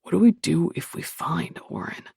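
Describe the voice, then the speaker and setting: A woman's voice: lowish voice, expressive, normal speed, gravelly, darkish tone, husky, no echo, clean studio sound, exaggerated voice. A woman voicing a curious young man in an audiobook, asking questions.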